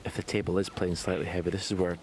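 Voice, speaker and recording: A man giving hushed, measured live snooker commentary as a broadcast commentator. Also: low-pitched, level tone. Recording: noisy arena ambience with audience. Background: audience and hall noise.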